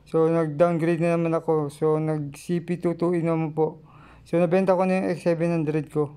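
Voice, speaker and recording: High-pitched Filipino man, casual vlogger. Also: flat delivery, mellow, clear, resonant tone. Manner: halting, repeats instructions politely. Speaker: vlogger and radio hobbyist. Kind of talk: casual unboxing and how-to vlog.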